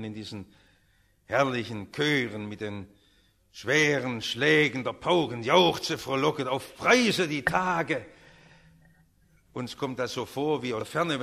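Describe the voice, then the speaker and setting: An older man preaching a sermon in an impassioned way, building from quiet earnestness to loud, emphatic peaks. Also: medium pitch. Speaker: pastor.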